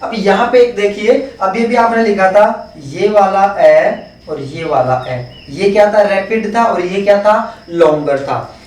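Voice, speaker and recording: The phonetics teacher speaks a bit slowly in a high voice with an Indian English accent, breaking down exam material step by step and answering his own questions. He is recorded from a distance in an echoey room.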